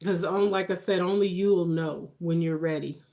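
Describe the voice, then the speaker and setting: A woman's voice: lowish voice, moderate pace, mellow. A woman in her forties hosting a casual livestream, talking to viewers in a reassuring, conversational, advice-giving way. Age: 40s. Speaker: livestream host.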